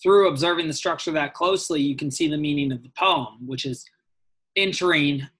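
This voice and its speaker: Bright-voiced inquisitive man. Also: on the high side, fairly quick, slightly rough, poor audio. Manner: inquisitive, reflective, asks questions. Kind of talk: conversational close reading.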